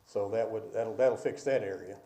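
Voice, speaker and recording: A man at a city committee meeting, talking in a rambling, halting way full of fillers. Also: on the low side, mellow. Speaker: committee member. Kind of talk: public meeting discussion. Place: council meeting room. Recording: echoey meeting room.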